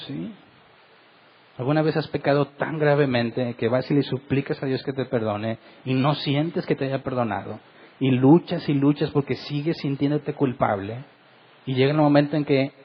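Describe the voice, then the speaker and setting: A man's voice: on the high side, husky, lo-fi sound. A middle-aged man, a pastor, preaching earnestly in a Bible study and asking his listeners rhetorical questions.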